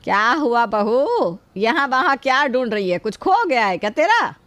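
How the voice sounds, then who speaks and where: Give me a woman playing an older cartoon mother-in-law who scolds gently, with a high, lively voice. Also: normal speed, a little hiss or hum. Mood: fond. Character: older mother-in-law, protective and soft-hearted. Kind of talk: cartoon voice acting.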